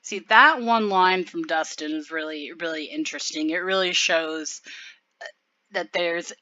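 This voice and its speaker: Chatty woman commentator, filler-heavy, bright tone, dull dry recording. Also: fairly low pitch, unhurried, no room sound. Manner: rambling, lots of fillers. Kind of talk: casual video commentary.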